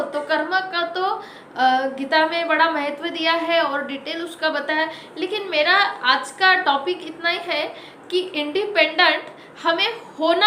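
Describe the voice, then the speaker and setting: A woman hosting her own motivational talk, her voice very high and bright. She exhorts her listeners in short, emphatic bursts and repeats key lines for weight. The recording carries a roomy echo. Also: slight background noise. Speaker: motivational speaker with own channel.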